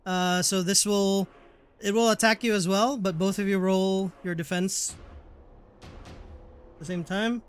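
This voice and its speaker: High-voiced man as game master. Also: fairly even intonation, clear, resonant tone. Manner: rambling, halting descriptions full of fillers. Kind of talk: running a tabletop horror game.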